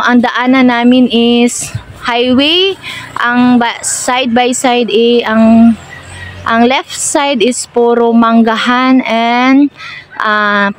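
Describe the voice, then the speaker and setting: Woman vlogger, fairly high voice, casual chatty storytelling with faint noise behind. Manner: chatty, addresses viewers as guys, frequent fillers and restarts.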